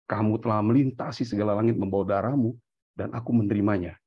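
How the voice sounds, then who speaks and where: God the Father, solemn and approving, husky low voice, dull dry sound , as a man puts him on. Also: steady tone, quick pace.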